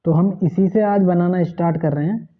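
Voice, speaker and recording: A man's voice: sits high, fairly even intonation, normal speed. A man teaching an online language lesson, patiently spelling out letters and their sounds. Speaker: Urdu teacher. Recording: tinny phone-like sound.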